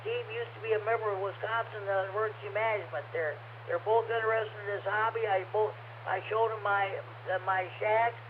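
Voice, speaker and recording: A man's voice: sits high, fairly even intonation, brisk, few pauses. A man hosting a ham radio net as net control, heard through a radio transmission with static, talking in a friendly, rambling way with many fillers. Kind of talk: casual on-air radio chat. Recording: phone-like band, faint static noise over radio.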